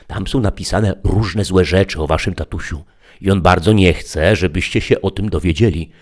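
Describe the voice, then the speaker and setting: A man voicing a sly, smooth-talking male stranger who tempts a child with coaxing words. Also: low voice, moderate pace.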